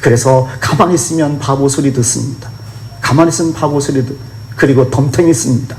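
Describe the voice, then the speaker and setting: Earnest pastor preaching in echoey church. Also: male voice, mid-range voice, a little fast, a little mellow, a little hiss or hum. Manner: earnest, exhorting, acts out complaining believers in raised voice. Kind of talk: sermon.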